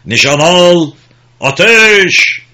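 A man voicing a gruff bellowing army sergeant. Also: high voice, animated, very slow, bright, forceful tone, voice pushed up, heavily acted. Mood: barking orders. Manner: barks curt orders. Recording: dull lo-fi recording.

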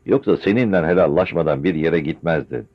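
A steadfast bearded village teacher, firm and reassuring, speaking in a deep, even voice, as a male narrator plays him. The audiobook recording sounds dull and lo-fi. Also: brisk, slightly rough, exaggerated voice.

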